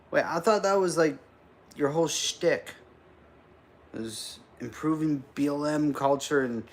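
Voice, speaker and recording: A man's voice: medium pitch, slight background noise. A man hosting a political reaction livestream, talking sarcastically, laughing often and swearing freely. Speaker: livestream host.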